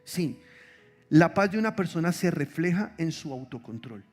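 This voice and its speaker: In church, a male pastor preaches a conversational, animated sermon full of rhetorical questions for the congregation. His voice is on the high side and his pace moderate.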